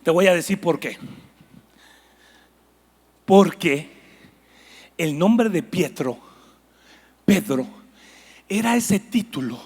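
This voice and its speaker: A man's voice: sits high, animated, slow, long pauses, darkish tone, breathy edge. A man preaching a sermon, telling stories with animation and asking the listeners questions.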